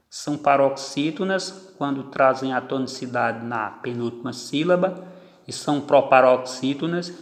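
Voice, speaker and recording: Slow, deliberate male grammar teacher. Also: mid-range voice, fairly bright tone. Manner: slow, deliberate, spells out syllables. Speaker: Portuguese teacher. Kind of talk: grammar lesson. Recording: echoey room with long reverb.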